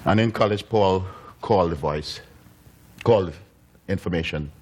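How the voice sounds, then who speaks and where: A man preaching a sermon in a church, telling a story with animated delivery and acting out the voices of its characters. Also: low voice, moderate pace. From United States. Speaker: pastor.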